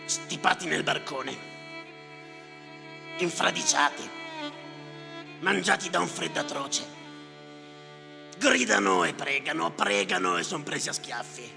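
In a theatrical monologue backed by live music in an echoing hall, an actor voices a bitter, cynical clerk counting the drowned. His raspy, gravelly voice sits on the high side, moving at a measured pace with long pauses. The mood is brooding and scornful as he mutters, declaims with sarcasm, and obsessively repeats words.

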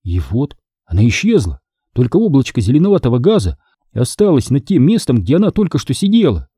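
A man's voice: medium pitch, huge pitch swings, a little fast, dark tone, slightly rough, no room sound. A man reading a first-person horror story aloud as an audiobook narrator, in a tense, vivid style, recorded dry and close.

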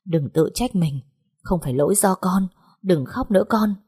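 A woman's voice: fairly low pitch, lively intonation, normal speed, warm tone, slightly rough. A woman reading a sorrowful middle-aged father. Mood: consoling.

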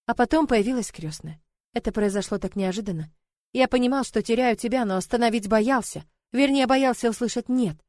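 A woman voicing a gentle grown man, a widowed father speaking softly and earnestly. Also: fairly high pitch, fairly quick, no echo, natural voice. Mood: tender.

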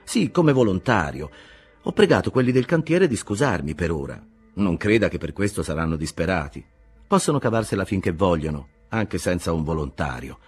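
A man's voice: low voice, animated, normal speed, slightly rough, faint music behind. A man voicing a young, earnest German engineer explaining himself patiently in an audiobook reading. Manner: earnest, explanatory, slightly defensive.

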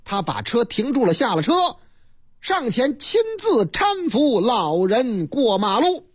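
A radio host with a Beijing accent spins news items into comic tales. The voice swings widely in pitch and has a slightly husky edge, and the delivery is theatrical and folksy. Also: measured pace. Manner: lively, theatrical, folksy banter.

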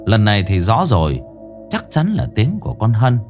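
A man's voice: lowish voice, wildly swooping pitch, normal speed, darkish tone, soft background music. A man narrating a ghost story in a dramatic, suspenseful way.

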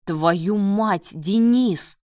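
A woman reading the part of an angry male head surgeon who shouts and scolds. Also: lowish voice, a little slow, dry recording, studio quality, far from the mic, close to an everyday voice.

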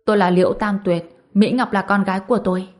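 A woman voicing a calm, powerful older man in an audiobook, measured and regretful. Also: medium pitch, lightly acted. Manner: sighing, measured.

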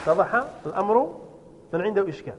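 A man with a high voice teaches a grammar class and walks through repeated examples. He keeps asking his students whether it is clear. The sound carries a long hall reverb with faint background noise. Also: animated, fast talker. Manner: quizzes students, repeatedly checks understanding; explains step by step with repeated examples.

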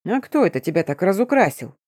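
A woman's voice: mid-range voice, big pitch swings, fast talker, darkish tone, dry recording, studio quality. A woman voicing a grumpy, swaggering male wizard with a street-thug manner. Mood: grumbling. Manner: grumbling, cocky.

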